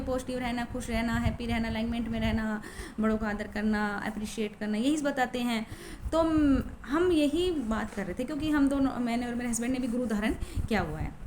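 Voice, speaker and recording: A woman's voice: on the high side, slight background noise. A woman coach talking casually and chattily, repeating herself with many fillers. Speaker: law of attraction coach. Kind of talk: casual talk to camera.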